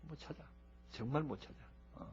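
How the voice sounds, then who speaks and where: A man preaching a sermon in a lively, humorous way, acting out people who shout as they pray. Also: a little high, brisk, a little hiss or hum. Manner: animated, humorous, acts out shouting worshippers. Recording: dull lo-fi recording.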